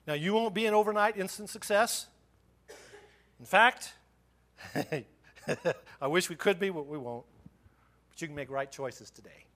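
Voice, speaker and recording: A man's voice: sits high, unhurried, pauses often, fairly bright tone. A middle-aged man preaching a sermon as pastor, impassioned, often repeating words and restarting his phrases.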